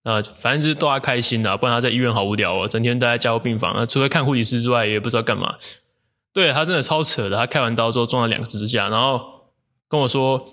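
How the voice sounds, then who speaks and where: A man with a Taiwanese Mandarin accent chats loosely into the camera, a fitness coach telling a story. He talks quickly and keeps it crude and joking, dropping slang swear words as he goes. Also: mid-range voice, bright, forceful tone. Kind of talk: casual storytelling vlog.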